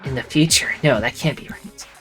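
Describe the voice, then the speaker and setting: With soft music playing underneath, a streamer briskly narrates a visual novel in first person, dropping in casual jokes and laughs between lines. The voice sits in the mid range, and the recording is rough.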